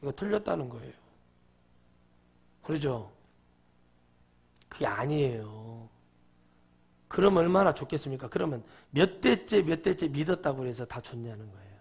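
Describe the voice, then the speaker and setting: A man's voice: mid-range voice, expressive, normal speed, vocal fry, long pauses, a little mellow, breathy edge. A middle-aged male pastor preaching a sermon in a church, talking to the congregation and asking them questions as he goes. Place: church sanctuary.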